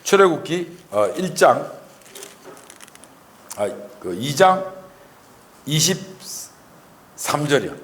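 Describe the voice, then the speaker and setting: A man's voice: big pitch swings, drawn-out words, long pauses. A man giving a conversational Sunday sermon in church, acting out the voices he quotes. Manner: conversational, acts out quoted voices with rising pitch. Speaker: lay preacher. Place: church sanctuary.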